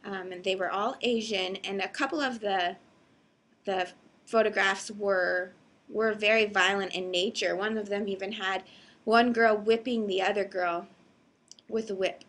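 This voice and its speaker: An earnest woman recounts a personal experience in a recorded video statement. Her voice is bright and forward, sitting at an ordinary middle pitch. She talks with hesitant pauses and small fillers. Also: steady tone. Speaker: executive director of an advocacy group.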